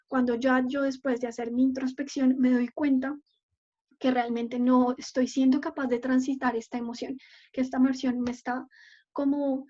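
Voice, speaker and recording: A woman's voice: high-pitched, warm tone, dull audio. A woman psychologist giving a live online talk and answering questions from the chat, explaining patiently and often checking in with her listeners.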